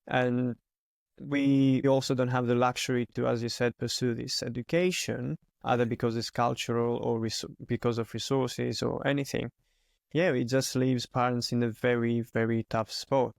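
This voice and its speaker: A man's voice: mid-range voice, flat delivery, normal speed, creaky, no echo, studio quality. A man from Greece, hosting a podcast interview and reflecting thoughtfully. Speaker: podcast host.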